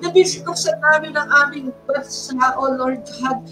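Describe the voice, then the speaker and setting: A woman with a Filipino accent leads a fervent intercessory prayer in a high voice. She calls out "Lord God" again and again between her phrases. She sounds set back from the microphone, with music playing clearly under her. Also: fairly even intonation, moderate pace. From Philippines. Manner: repeats "Lord God" between phrases, mixes two languages. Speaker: prayer leader. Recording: distant mic with music underneath.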